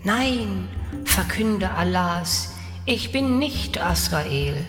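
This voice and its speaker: A man's voice: sits high, lively intonation, drawn-out words, voice pushed up, exaggerated voice. A man voicing a vengeful female goddess, raising his voice to a sweet, eerie, terrible tone. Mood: cold. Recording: roomy long reverb, faint music.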